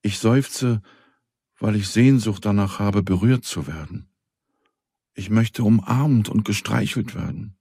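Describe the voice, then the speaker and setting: Man voicing a gentle, longing old house. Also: lowish voice, slow pace, breathy edge, no room sound, studio quality, heavily acted. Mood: wistful. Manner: soft, wistful.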